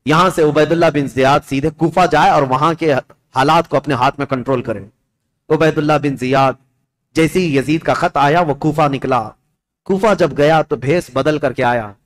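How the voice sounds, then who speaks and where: Impassioned man preaching a story sermon. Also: fairly high pitch. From India. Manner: impassioned, declamatory, addresses the crowd directly.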